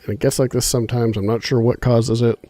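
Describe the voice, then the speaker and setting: This streamer talks quickly in a flat, dark-toned voice of medium pitch, his nasal, stuffed-up sound captured dry with faint music in the background. Chatty and relaxed, he meanders through his gaming livestream, filling gaps with ums and ahs as he thinks out loud.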